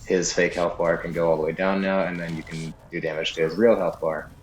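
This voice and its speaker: A man with a low voice talks fairly quickly in a level tone, giving a casual, unscripted video game walkthrough and explaining as he goes, often unsure of details. The room is slightly echoey, with game music playing underneath.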